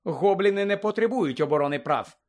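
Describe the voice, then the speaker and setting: Man doing a know-it-all teen girl, higher voice, lecturing and earnest. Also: expressive, brisk. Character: fussy clever teenage girl student, bossy.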